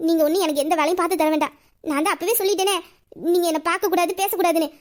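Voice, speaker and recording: A woman playing a feisty, high-voiced office girl. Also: fairly even intonation. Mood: irritated. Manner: quick, sharp and exasperated. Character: feisty young female office worker. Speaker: young female office staffer. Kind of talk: Tamil audio drama acting.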